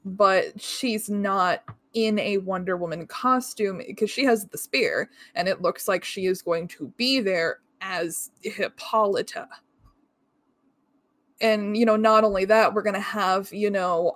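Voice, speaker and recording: Casting note: female podcast co-host, mid-pitched, blunt and profane, dry close mic. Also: fairly bright tone, no echo. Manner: frank, swears casually. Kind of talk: casual chat.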